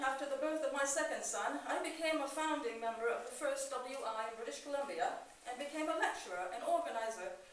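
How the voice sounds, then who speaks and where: In a very echoey hall, far from the microphone, a woman acts out a brisk Edwardian lady organizer addressing a meeting. Her colonial North American carries a genteel, forthright and chatty manner, pitched fairly high. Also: a little hiss or hum, natural voice. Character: brisk, frank Edwardian Canadian women's movement organizer giving a speech. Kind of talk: amateur costumed historical monologue, formal public address.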